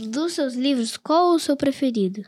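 A woman interviewing an author on a studio podcast, asking short, unhurried questions. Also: high voice, expressive, darkish tone.

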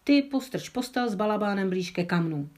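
A woman voicing an older village mayor who briskly hands out tasks to his neighbours in a storybook reading. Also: mid-range voice, animated, a little mellow, close to an everyday voice. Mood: commanding. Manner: barking orders. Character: bossy village mayor, older man, commanding.

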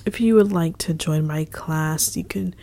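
A young woman leading a casual devotional talk for her ministry, earnest and repetitive, often dropping into a soft whispery delivery. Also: low voice, measured pace. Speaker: ministry leader.

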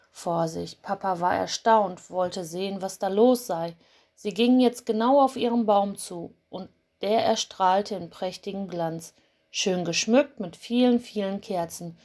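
A woman reading a children's Christmas story aloud in a calm, gentle way. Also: medium pitch. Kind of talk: storybook narration.

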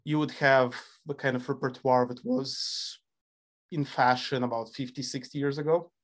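A man's voice: mid-range voice, level tone, moderate pace. A man from a former Soviet country hosting a podcast interview, introducing his guest with admiration. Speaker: podcast host.

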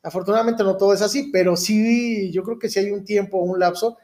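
A Mexican man in his thirties with a notably high voice hosts a casual podcast. He talks in loose street slang, rambling and tagging his sentences with little checks for agreement. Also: fairly even intonation, brisk, a little mellow. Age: 30s. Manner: rambling, keeps seeking agreement with tag questions. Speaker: podcast host.

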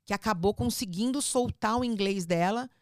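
A woman's voice: mid-range voice, normal speed, no echo, clean studio sound. A woman with a Brazilian accent, a mother who gives advice in casual conversation, making her points emphatically and repeating them firmly. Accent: Brazilian Portuguese. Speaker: mother giving parenting advice. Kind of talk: casual podcast chat.

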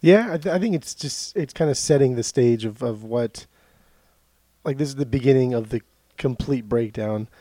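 Mellow-voiced man in casual podcast chat. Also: medium pitch, normal speed, dry recording. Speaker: podcast co-host.

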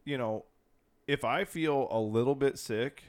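A man's voice: medium pitch, unhurried. A man in casual group chat, rambling with many fillers and curse words. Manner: rambling, lots of "like" and "you know", swearing.

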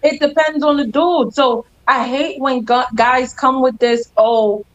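A woman's voice: sits high, steady tone, a little slow, a bit bright, low-quality recording. A woman co-hosting a casual chat, talking bluntly and frankly with emphatic opinions.

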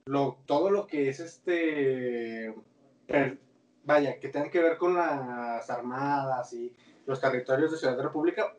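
A man's voice: on the high side, recorded from a distance. A man with a Mexican Spanish accent, co-hosting a casual chat, talking in slang and often restarting his sentences. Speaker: podcast co-host. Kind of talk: casual chat about a cartoon series. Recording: roomy sound, set back from the mic.

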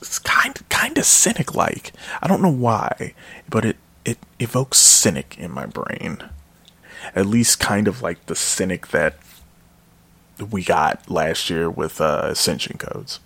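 A man's voice: sits low, sing-song, unhurried, gravelly, a bit bright, breathy edge, no echo. A man giving a casual, rambling spoken review of a metal album, often correcting himself and trailing off into mumbles.

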